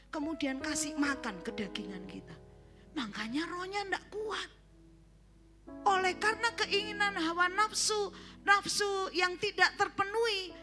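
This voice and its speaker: Woman preaching, really high voice, jokey and chatty, soft music behind. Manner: conversational preaching with joking asides. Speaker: pastor. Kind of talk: sermon. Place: church service.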